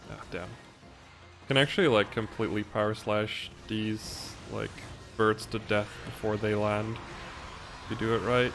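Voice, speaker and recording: A Dutch-speaking man from the Netherlands provides casual commentary while playing as a speedrunner, his pronunciation a blend of British and American. His voice is lowish and gravelly, and game music plays in the background.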